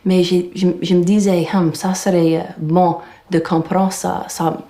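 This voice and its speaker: Young Cajun woman, creaky even voice. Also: fairly low pitch. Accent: Cajun French, Louisiana. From Louisiana, United States. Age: young adult. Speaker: school teacher. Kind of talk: personal testimony to camera. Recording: fiddle music behind voice. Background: fiddle music.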